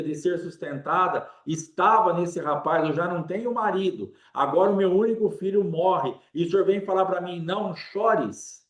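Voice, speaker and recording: Impassioned preacher man in echoey church. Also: on the high side. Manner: impassioned, repetitive preaching cadence. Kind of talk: sermon.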